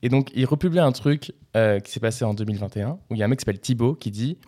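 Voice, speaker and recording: Un homme, chroniqueur de podcast, qui parle en discussion détendue, hésitant, avec beaucoup de mots de remplissage. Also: male voice, mid-range voice, rapid-fire, warm tone. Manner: hesitant, many fillers. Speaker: podcast columnist. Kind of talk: casual chat.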